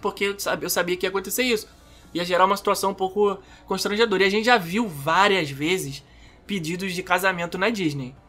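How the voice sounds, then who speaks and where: A man in his thirties from Brazil, co-hosting a casual couple's chat and telling stories in an animated, self-mocking grumpy way. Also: high voice, a little fast, faint music behind. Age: 30s. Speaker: podcast co-host.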